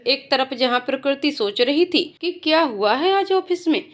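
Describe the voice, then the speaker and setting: A woman narrating a scripted romance story in a steady, even reading manner. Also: sits high, normal speed.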